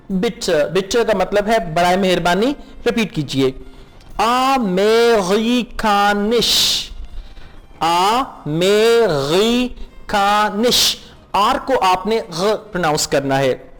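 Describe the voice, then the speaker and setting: Patient high-voiced male language teacher. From Pakistan. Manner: switches between slow careful drill phrases and quick explanations; encouraging, patient. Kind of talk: language lesson, slow drilled repetition.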